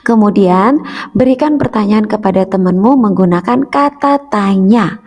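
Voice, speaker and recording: A woman teacher reads a school lesson aloud in a clear, measured way and keeps returning to "nah" between points. Her voice rings with a long reverb, as if recorded in a bare, echoey room. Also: medium pitch, darkish tone.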